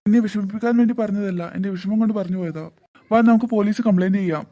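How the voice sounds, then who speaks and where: A man's voice: sits high, very fast, mellow, lightly acted. A man voicing a worried father in a cartoon, anxious and earnest. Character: worried father of two girls.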